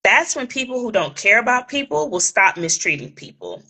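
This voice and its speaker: A woman's voice: on the high side, sing-song, moderate pace, bright, forceful tone, slightly rough, rough recording. A woman vlogger speaking straight to her viewers in an impassioned, emphatic way, repeating phrases for effect. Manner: talks straight to viewers, calling them "y'all". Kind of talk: direct-to-camera commentary.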